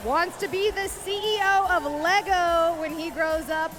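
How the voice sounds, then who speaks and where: A woman gushes her way through live commentary on a children's rodeo event. Her voice is extremely high and encouraging, with music clearly playing behind it. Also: fairly even intonation, measured pace. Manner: gushing, encouraging. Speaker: event co-announcer.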